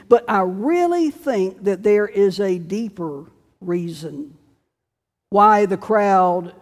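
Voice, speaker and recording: A male pastor delivers a sermon at an unhurried, measured pace. His voice rings with the long reverb of a large church sanctuary. He tells the story deliberately, pausing between phrases. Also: sits high. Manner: storytelling, slow and deliberate with dramatic quoted shouts.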